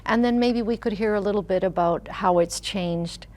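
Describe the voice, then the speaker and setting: A woman with an everyday mid-range voice hosts a conversation. She asks gentle, encouraging questions of her guests. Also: medium pitch, normal speed. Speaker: host. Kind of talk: conversational interview.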